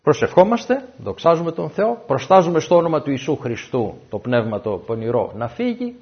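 A man preaching a sermon, telling personal stories and acting out the dialogue. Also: fairly high pitch. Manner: animated storytelling, acts out dialogue. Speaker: pastor. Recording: dull lo-fi recording.

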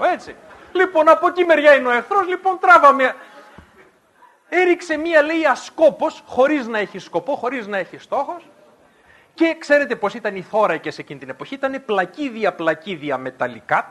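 A man preaching a Bible study in an animated storytelling manner. His voice is unusually high for a man and lively in pitch. He moves between reading scripture and explaining it plainly.

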